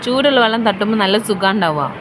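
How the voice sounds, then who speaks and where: A woman speaks gently to a child, coaxing and soothing him in a hospital room. Her voice sits at an ordinary pitch, and clear background noise runs under her words throughout. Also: animated, fast talker. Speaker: mother comforting her son. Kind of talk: casual talk to a child.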